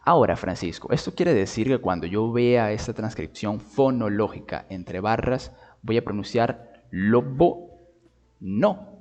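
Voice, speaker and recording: A man giving a patient video lesson on phonetics, drawing out sounds slowly to demonstrate them and often checking in with his listeners. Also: on the low side, expressive, big-room sound. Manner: checks in with "¿vale?" and "¿ok?". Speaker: linguistics teacher.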